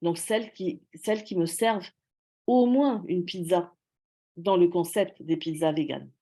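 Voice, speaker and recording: Woman academic presenter, low, warm-toned voice, patient explanatory delivery, frequent hesitations. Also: measured pace. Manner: explanatory, frequent fillers and self-corrections. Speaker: researcher giving a talk.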